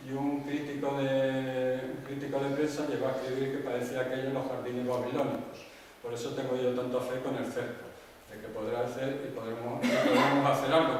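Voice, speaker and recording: A man who grew up in the Canary Islands gives an anecdotal talk at a conference, wandering through stories with frequent restarts and asides to the audience. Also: mid-range voice. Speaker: visiting artist giving a talk. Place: large echoey hall with an audience. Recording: echoey hall, voice from far off, faint noise.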